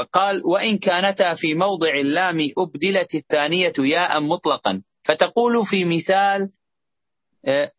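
A man, a student in a class, reading a grammar text aloud haltingly with pauses. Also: high-pitched, no room sound, dull audio.

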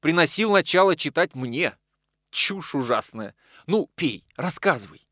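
A loud, hearty fellow, played by a male narrator, shouting his greetings high and strong. His voice leaps up and down with lively swings, dry and close to the mic. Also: dry recording. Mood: gossipy. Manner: exclaiming, boisterous, fast-shifting. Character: boisterous hearty man, loud and mocking. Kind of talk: audiobook character reading.

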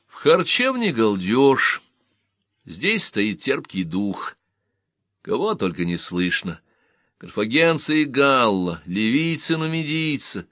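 A man narrating an audiobook in an expressive storytelling manner. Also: lowish voice, no room sound, studio quality.

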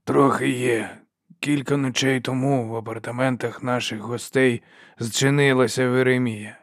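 A man's voice: mid-range voice, steady tone, moderate pace, dry recording, studio quality, close to an everyday voice. A man voicing a crippled male inquisitor with a wry, sardonic manner.

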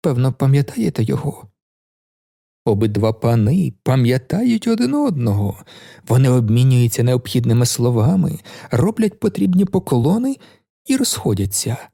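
A man narrating a novel in an audiobook, measured and expressive. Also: medium pitch, vocal fry. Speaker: audiobook reader.

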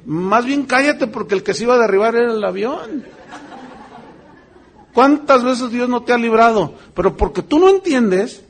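Animated gravelly pastor. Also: male voice, very high voice, normal speed, some chatter behind. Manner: animated, joking, acts out quoted voices. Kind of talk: sermon.

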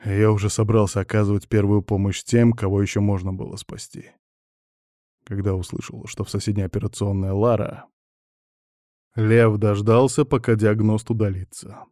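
A man narrating an audiobook in the first person, with steady, even storytelling. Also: on the low side, moderate pace, no echo, studio quality.

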